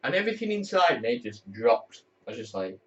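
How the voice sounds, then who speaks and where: This teenage boy in the air cadets chats candidly to his camera at home, rambling on and swearing when something annoys him. His medium-pitched voice swings widely and runs a little fast, and he is recorded from a distance, so the audio sounds dull and muffled.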